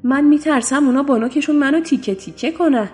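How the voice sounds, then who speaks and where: A woman's voice: sits high, dark tone, in a large hall, faint music behind, voice pushed up, natural voice. A woman voicing a timid, worried scarecrow in a children's story, with an anxious, pleading manner.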